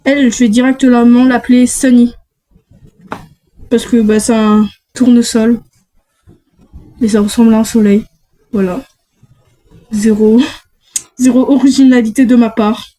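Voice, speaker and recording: A woman's voice: fairly high pitch, steady tone, measured pace, long pauses, warm tone, poor audio. A young woman chatting casually to viewers while unboxing mystery boxes, talking to herself and restarting her sentences often. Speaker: unboxing vlogger.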